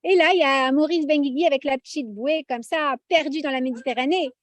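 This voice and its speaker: High-pitched woman teaching a lively religious class, chatty, keeps asking the room, dry mic. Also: fairly quick, no room sound. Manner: chatty, animated, asks the audience often.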